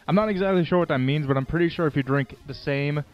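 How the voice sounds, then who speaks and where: A man's voice: fairly high pitch, fast. A man co-hosting a podcast, joking and teasing in crude casual banter. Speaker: podcast co-host. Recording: dull lo-fi podcast audio, faint music.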